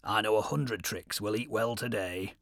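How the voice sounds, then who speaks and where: A man's voice: fairly low pitch, steady tone, normal speed, fairly bright tone, dry recording, clean studio sound. A man voicing a boastful, crafty male jackal in a storybook tale.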